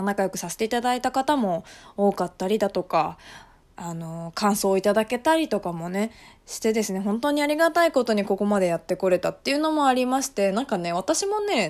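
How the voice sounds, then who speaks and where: A young woman hosting her own podcast, chatting casually on her own with frequent laughs and soft fillers. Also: medium pitch. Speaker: podcast host. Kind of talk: casual solo podcast chat.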